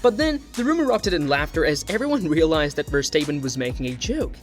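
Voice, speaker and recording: Man narrating over soft music. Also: a little high, very animated, a little fast. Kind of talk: scripted narration.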